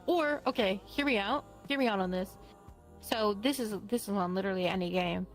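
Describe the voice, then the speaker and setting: A woman's voice: mid-range voice, fairly quick. A woman chatting casually in a blunt, emphatic manner, swearing freely. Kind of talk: casual chat. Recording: faint music behind.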